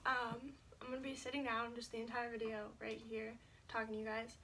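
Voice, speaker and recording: A woman's voice: fairly high pitch, little pitch movement, fairly quick, very noisy. A young woman from Ohio, sitting at home and casually telling a long personal story to a camera set a little way off, filling her talk with "like" and "um". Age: young adult. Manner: chatty, lots of "like" and filler. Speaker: vlogger. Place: indoors at home, seated. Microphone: camera set a little far away.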